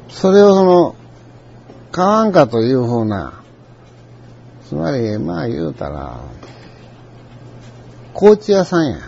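A man's voice: medium pitch, dark tone. A man with a Kansai accent, telling a rambling, conversational story with many asides. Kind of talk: storytelling monologue. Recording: dull lo-fi recording.

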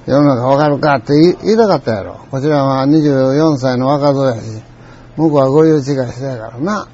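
An older man with a Kansai accent telling a rambling, reflective story in a folksy way, often clearing his throat. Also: medium pitch, moderate pace, warm tone, muffled recording, a little hiss or hum. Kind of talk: reflective monologue.

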